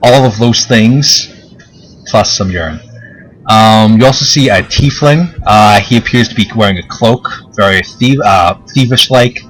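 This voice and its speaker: A man's voice: on the low side, measured pace, fairly bright tone, slight background noise, poor audio. A man running a tabletop game as game master, narrating casually in a hesitant, chatty, jokey way. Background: background game music.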